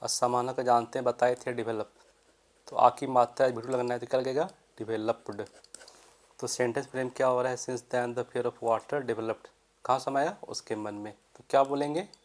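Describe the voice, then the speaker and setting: A man teaching English grammar in Hindi, explaining step by step, asking questions and answering them himself, and reading the example sentences slowly and deliberately. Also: medium pitch, steady tone.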